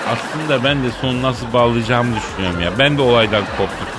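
A man hosting a radio comedy show, telling a rambling tall tale in a deadpan way, in a studio. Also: medium pitch, quick pace, crowd noise, noisy background. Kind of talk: comic storytelling.

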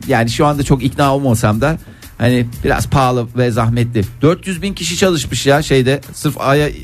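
A man's voice: medium pitch, fairly quick, faint music behind. A man hosting a casual, humorous talk, telling things in a rambling, colloquial way. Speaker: talk show host.

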